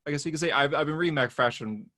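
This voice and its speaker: A man's voice: fairly high pitch, rapid-fire, a bit bright, dry recording, clean studio sound. A man co-hosting a podcast, chatting casually about comic-book news, rambling a bit and laughing often. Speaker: podcast co-host.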